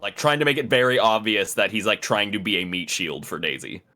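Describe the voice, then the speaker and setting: A man's voice: fairly low pitch, fairly quick, bright, forceful tone, faint music behind. A man player in a tabletop game, describing his character's actions in a laid-back, rambling way.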